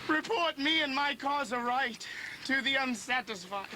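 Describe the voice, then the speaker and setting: Man acting a high-voiced dying prince, gasping. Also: lively intonation, noisy background. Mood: anguished. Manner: halting, gasping delivery with groans. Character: dying Danish prince, anguished, poisoned, passionate. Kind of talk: Shakespearean stage acting.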